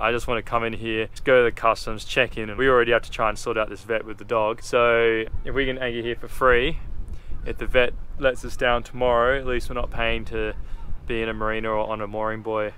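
A young man talks casually to a handheld camera while out on a sailboat, relaxed and chatty. His voice is bright and forward, and a faint hiss of wind and water sits behind him. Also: lowish voice. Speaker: sailing vlogger. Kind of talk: casual vlog talk to camera. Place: outdoors on a sailboat deck. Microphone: handheld action camera at arm's length.

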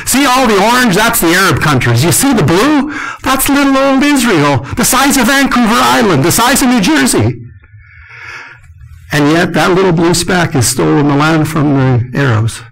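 Animated older man preaching at a conference. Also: sits high, normal speed, vocal fry, rough recording. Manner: animated storyteller, acting out quotes. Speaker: conference speaker. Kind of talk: conference sermon with storytelling.

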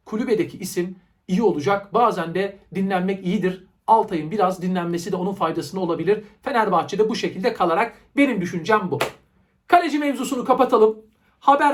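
A man hosting a football show, giving transfer news commentary in an explanatory, opinionated way. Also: high-pitched. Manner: explanatory, opinionated, uses rhetorical questions.

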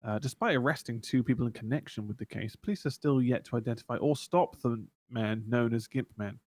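A man's voice: mid-range voice, fairly quick, darkish tone, no echo. A British man co-hosting a comedy podcast, reading a news story aloud with casual asides. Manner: reads news items with dry asides. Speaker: podcast co-host.

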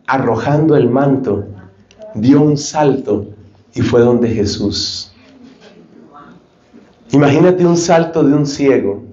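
A male preacher giving a sermon, telling stories lively and acting out short dialogues. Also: fairly high pitch. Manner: lively storytelling, acts out dialogues. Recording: roomy, slightly dull recording.

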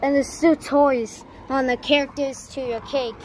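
A woman's voice: high-pitched, steady tone, unhurried, darkish tone, rough recording. A woman filming on her phone as she walks through abandoned buildings, narrating casually and often exclaiming in disbelief. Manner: astonished exclamations, repeats herself. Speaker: vlogger exploring abandoned buildings. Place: outdoors by a roadside and inside an empty shop. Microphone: phone camera held while walking. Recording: phone audio with clear outdoor noise.

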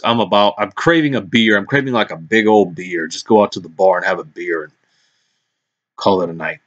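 A man's voice: fairly low pitch, a bit bright. A man vlogging in a brash, mocking, profane rant, swearing constantly and now and then dropping into lazy, mumbled asides.

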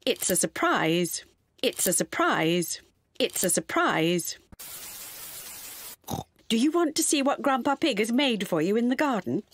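A British woman voicing a kindly, doting elderly granny pig in a children's cartoon, gentle and singsong. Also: on the high side, sing-song, a little slow, pauses often, a little hiss or hum. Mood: playfully secretive.

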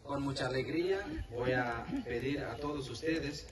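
A man speaking as a priest to his congregation at an outdoor service, in simple, halting phrases with pauses. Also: mid-range voice. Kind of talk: liturgical address to a congregation. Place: open grassy field, outdoors. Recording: echoey outdoor PA, distant, heavy noise.

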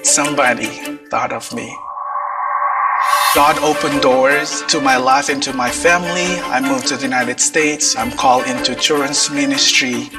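Earnest man from Fiji, distant video. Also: mid-range voice. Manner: earnest, reflective storytelling. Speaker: children's ministry worker. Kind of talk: testimony in a mission video. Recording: video played over church speakers with loud music, from far off.

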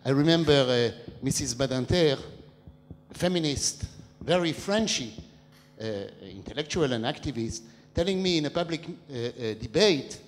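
An older man in the audience asking a long public question into a handheld mic, talking in a discursive way with hesitant pauses. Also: mid-range voice, lively intonation. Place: large dark hall with an audience, standing. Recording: long reverb of a large hall.

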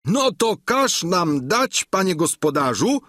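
A man voicing a boisterous, greedy peasant squire in an audiobook, loud and insistent. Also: high voice, sing-song, slow pace, no echo, studio quality, voice pushed up, exaggerated voice. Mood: pleading. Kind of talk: audiobook reading.

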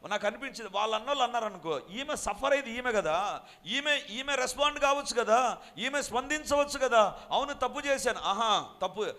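A man's voice: very high voice, animated, brisk, pushed and bright. A man preaching a sermon, telling stories, acting out the people in them and repeating his key lines.

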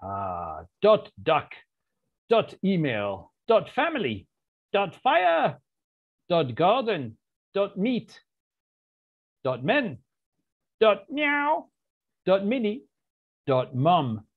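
A man hosting an online quiz social over a video call, casually reading out the answer options with a playful, deadpan humor. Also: sits high, very slow, long pauses. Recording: tinny phone-like line.

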